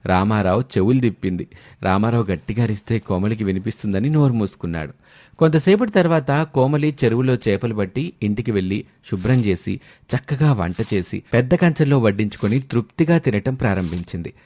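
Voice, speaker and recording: A man narrating a cartoon story in a lively storytelling manner. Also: on the low side, brisk.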